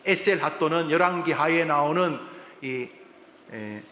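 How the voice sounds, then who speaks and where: A man preaching from the pulpit, his voice high and bright, with a long reverb tail from the large room around him. He swings between calm reading and sudden loud, animated outbursts. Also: measured pace. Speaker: senior pastor. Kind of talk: sermon. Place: large church sanctuary. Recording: echoey hall reverb.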